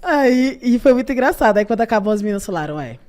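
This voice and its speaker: Fast-talking Brazilian woman telling anecdotes. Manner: animated, laughing anecdotes, pitch leaps up when quoting herself. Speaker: youth secretary of a political party, podcast guest. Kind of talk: casual storytelling interview.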